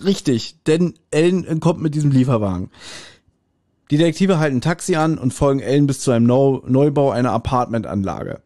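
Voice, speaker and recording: A man's voice: mid-range voice, lively intonation, fairly quick, mellow. A man co-hosting a podcast, casually retelling and discussing an audio drama episode, often laughing. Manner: chatty, retells the plot with frequent laughs. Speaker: podcast co-host.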